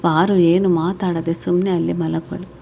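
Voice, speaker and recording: Low-voiced woman storyteller. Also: level tone, normal speed, creaky, warm tone, slight background noise. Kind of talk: scripted story narration.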